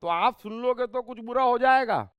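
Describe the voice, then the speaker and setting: A man, a spiritual speaker and life coach, gives an emphatic discourse full of rhetorical questions and sharp asides. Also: very high-pitched, moderate pace, clean tone, no echo, dull audio.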